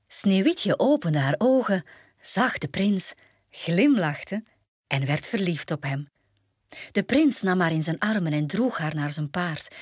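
A woman with a Flemish accent reading a fairy tale aloud to children, telling the story in an expressive, dramatic way. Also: fairly low pitch, breathy edge, dry recording, studio quality.

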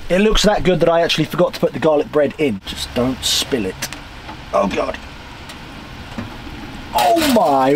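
A young man chatting excitedly to camera as a van life vlogger inside his small camper van. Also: fairly high pitch, background noise. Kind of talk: casual vlog narration to camera. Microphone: camera held or set close.

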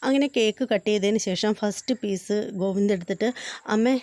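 A woman's voice: mid-range voice, fast, a little mellow, no echo. A woman casually retelling the scenes of a TV serial, quoting the characters, with many fillers and restarts. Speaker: serial recap narrator. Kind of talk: casual storytelling recap of a TV serial.

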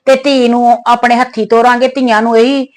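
A woman's voice: on the high side, level tone, moderate pace, close to an everyday voice. A woman playing a worried moralizing mother. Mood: forgiving. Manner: pleading, moralizing. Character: worried middle-aged mother, forgiving and moralizing. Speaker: mother in a family skit. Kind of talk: amateur family skit acting.

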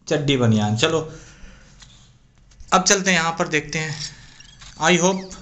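A man's voice: fairly high pitch, expressive, slow, a bit bright. A young man, commentating his own crate opening in a mobile game, frustrated and swearing and pleading with the game. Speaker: gaming YouTuber.

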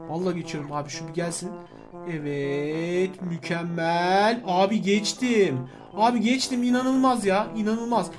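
A young man commentating his mobile game live, animated and loud, chanting repeated words and yelling at other players. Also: sits high, unhurried, over music. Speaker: gaming channel host.

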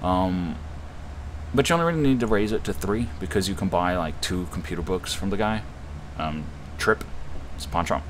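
Deep-voiced man rambling over a video game. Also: animated, normal speed. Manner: profane, self-deprecating. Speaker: gamer doing a playthrough. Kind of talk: casual, rambling game commentary. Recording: noisy background hum.

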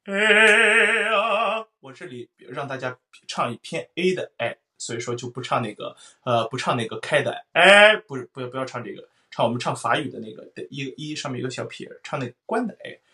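A male voice teacher gives a singing lesson with a bright, forceful tone. He explains how resonance works and keeps singing loud vowel sounds to show it. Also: medium pitch, animated, quick pace, few pauses. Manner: explains then sings vowels, loud sung demonstrations.

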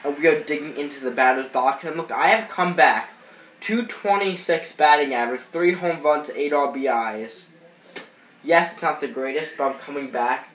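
Recorded off-screen in an echoey, faintly noisy room, a man with a cold chats about the baseball video game on screen for his gaming channel. His voice is a little high and a bit bright at a normal speed, and he rambles with frequent fillers and restarts, sniffling as he goes.

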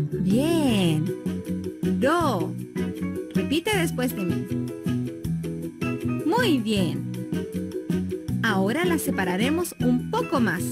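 A teacher with a high, sing-song voice leads a children's phonics lesson. She speaks slowly and spells out every sound clearly, praising each answer. Loud children's music plays underneath her. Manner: slow, carefully enunciated, praising. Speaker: primary school teacher.

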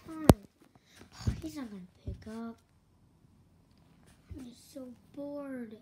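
A woman's voice: high voice, takes it slowly, background noise, voice pushed down. A woman voicing a spoiled, whiny little boy who pleads and whines in a home toy skit. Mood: bored.

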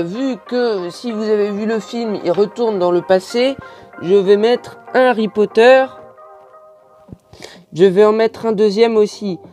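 Slow, hesitant man with a French accent. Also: high voice, dark tone. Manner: hesitant, many fillers, chatty detail. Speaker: toy reviewer. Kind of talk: casual toy review.

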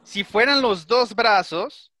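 Bright-voiced male teacher, methodical. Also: sits high, slow pace, no echo. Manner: methodical, explains step by step and checks understanding. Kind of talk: online class lecture with questions to students.

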